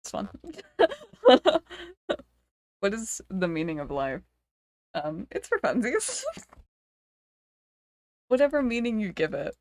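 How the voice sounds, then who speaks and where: Slow, giggly woman streamer chatting. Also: mid-range voice, sing-song, no echo, clean studio sound. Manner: giggly, rambling, self-dramatizing. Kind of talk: casual chat.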